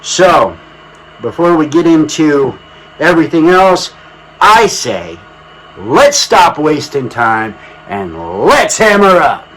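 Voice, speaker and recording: Down-home dude reviewing stuff on his channel, casual n emphatic, voice a little on the high side. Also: very animated, takes it slowly, a bit bright, low-quality recording. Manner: folksy, colloquial, emphatic delivery. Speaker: product reviewer and channel host. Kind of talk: casual review chat to camera.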